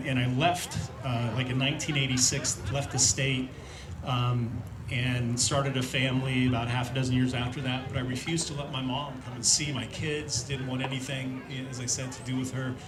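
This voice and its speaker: A man in his fifties from Indiana gives an earnest, reflective personal testimony at a church event, pausing often on fillers. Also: mid-range voice, little pitch movement. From Indiana, USA. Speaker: speaker sharing a recovery testimony. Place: large room at a church event with an audience. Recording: roomy hall with audience noise.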